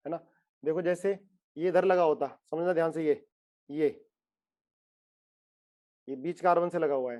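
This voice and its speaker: A man's voice: on the high side, a little mellow. A man teaching a chemistry lesson, asking his students questions again and again and coaxing them to answer. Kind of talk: classroom lecture.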